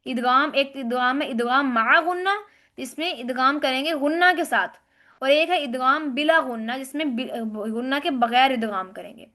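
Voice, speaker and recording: Female tajweed teacher, bright and sharp voice, recites slowly. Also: high voice. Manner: explains rules step by step, asks and answers own questions; recites Arabic words slowly and drawn out. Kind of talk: tajweed lesson.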